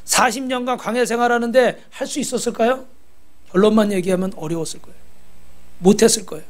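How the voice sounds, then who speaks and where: A pastor with a high-pitched, fast voice preaches a sermon, exhorting the congregation, posing rhetorical questions and having them repeat after him.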